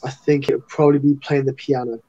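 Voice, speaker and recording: Man, interview guest, chatty, rambling storyteller, mellow voice, muffled lo-fi sound. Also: mid-range voice, level tone, quick pace. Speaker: guest entertainer and actor. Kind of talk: casual interview chat.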